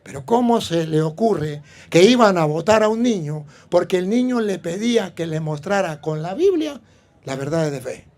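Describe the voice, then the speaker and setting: A male priest giving a sermon, telling a story and acting out the people in it with animated delivery. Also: sits high, normal speed. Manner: animated, acts out the people in his stories.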